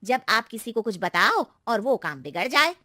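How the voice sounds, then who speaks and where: Woman playing a knowing, superstitious older auntie, high-pitched. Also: big pitch swings, moderate pace, sharp tone, dry recording, studio quality, heavily acted. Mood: ominous warning.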